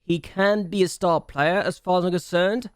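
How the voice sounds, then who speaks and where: A man's voice: high voice, fairly even intonation, moderate pace, smooth, no room sound, studio quality. A man hosting a game channel, chatting casually through his gameplay, thinking aloud and repeating himself for emphasis.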